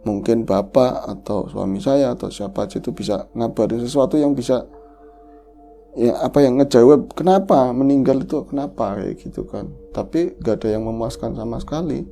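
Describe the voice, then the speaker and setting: A man's voice: medium pitch, moderate pace, gravelly, mellow, soft background music. A man hosting a horror podcast, emotionally retelling a listener's tragic story in the first person.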